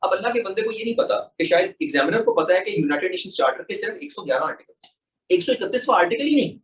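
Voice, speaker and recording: Middle-aged male mentor, Pakistani Urdu accent, quick and animated, echoey distant mic. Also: sits high, a little hiss or hum. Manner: animated, rhetorical questions, mixes English terms. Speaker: exam mentor. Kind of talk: explaining in a panel talk.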